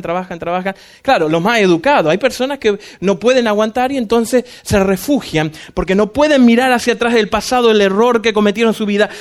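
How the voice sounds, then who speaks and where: A male pastor giving an animated sermon, acting out voices and dropping in English phrases. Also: very high-pitched.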